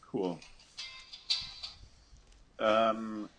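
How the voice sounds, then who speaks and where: Male co-host, slightly low voice, relaxed upbeat chat. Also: extremely slow, music in the background. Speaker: podcast co-host. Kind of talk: casual chat.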